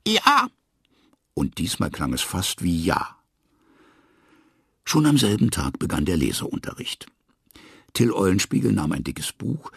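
A man with a deep, gravelly voice reads a children's story aloud in an expressive, lively way. His pitch swings widely up and down, and he sounds husky. The sound is close and dry. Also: dry recording.

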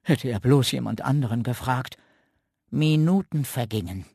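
A man reading a children's radio story aloud with slow, expressive storytelling. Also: medium pitch, vocal fry, slightly rough, dry recording, clean studio sound.

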